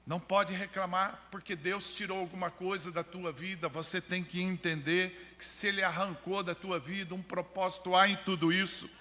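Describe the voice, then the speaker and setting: Emphatic preacher in a reverberant church. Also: male voice, sits high, sharp tone. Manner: emphatic, repeatedly addressing listeners as brother. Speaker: missionary preacher. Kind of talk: sermon. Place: church hall. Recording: long church hall reverb.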